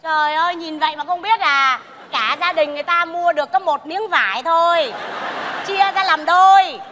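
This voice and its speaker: A woman's voice: very high voice, moderate pace, sharp tone, slight background noise. A woman playing a bossy, snobbish mother-in-law in a stage comedy sketch, mocking and scolding. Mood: scornful. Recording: live stage mic, reverberant theatre with audience.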